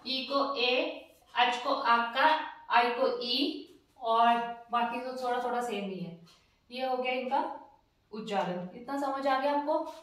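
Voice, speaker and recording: A high-voiced woman gives a slow, patient lesson, sounding out each letter and checking that her learners follow along. She is heard from a distance in a strongly echoing room. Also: fairly bright tone. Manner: patient, spells letters one by one, often says "theek hai". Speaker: language teacher. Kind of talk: slow step-by-step alphabet lesson. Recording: very echoey room, distant mic.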